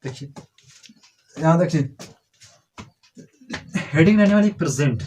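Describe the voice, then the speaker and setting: A man's voice: on the high side, animated, measured pace, a little mellow, slightly rough. A man teaching a grammar lesson to a class, drilling and correcting pupils in a scolding, repetitive way.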